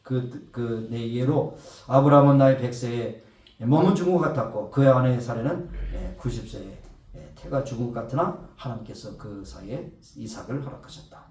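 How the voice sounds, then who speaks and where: A man's voice: medium pitch, moderate pace, darkish tone, echoey room, recorded from a distance. A man preaching a Sunday sermon, swelling for emphasis and often putting rhetorical questions to the congregation. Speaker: pastor. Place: church sanctuary.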